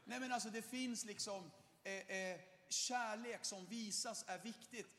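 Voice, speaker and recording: Young male preacher, high voice, lively sermon with shouted bursts, long church-hall reverb. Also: background noise. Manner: animated, shouts in bursts, laughs often.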